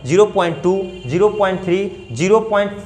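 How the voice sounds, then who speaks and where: A man's voice: sits high, fairly quick, a little mellow. A man teaching a math lesson to children, patiently repeating numbers step by step and asking them questions.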